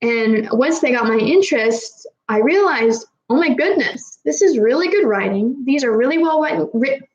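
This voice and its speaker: A woman's voice: high-pitched, expressive, normal speed, hardly any pauses, lo-fi sound. A young woman from Kazakhstan, slightly tipsy, chatting casually with a live audience, rambling and swearing freely, with trouble pronouncing her R's. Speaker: streamer answering chat.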